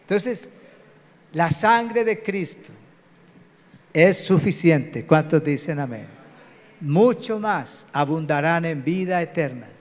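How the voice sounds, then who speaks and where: High-voiced preacher in a hall. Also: male voice. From Colombia. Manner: preachy, calls out to the congregation for amens. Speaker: pastor. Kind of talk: live church sermon. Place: large church hall. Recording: reverberant church hall.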